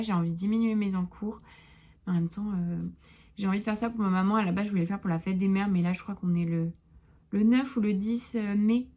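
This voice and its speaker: A woman's voice: mid-range voice, warm tone. A young woman chatting casually about her knitting projects and wool purchases, hesitant and full of fillers. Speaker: knitting podcaster. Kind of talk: casual chat.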